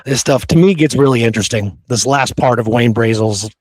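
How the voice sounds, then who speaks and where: A podcast host talks through history casually and conversationally in a fairly quick, mid-range male voice. The recording is dry.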